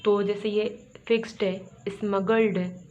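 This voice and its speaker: A woman's voice: medium pitch, little pitch movement, unhurried, a little mellow. A woman from Pakistan, teaching an English grammar lesson, repeating words and asking and answering her own questions. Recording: dull, slightly noisy recording.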